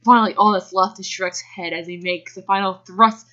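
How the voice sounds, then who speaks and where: In a dull, lo-fi home recording, a woman gives an amateur dramatic reading of fan fiction, giggly and prone to casual asides and to stopping to react. Her mid-range voice is steady, brisk, bright and forceful.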